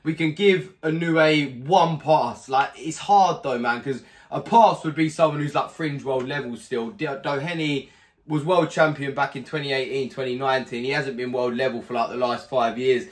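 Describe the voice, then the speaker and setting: A hoarse young adult man hosts a boxing channel, delivering a blunt, animated fight preview to camera from a small room at home. His voice is medium-pitched at normal speed, and he swears freely.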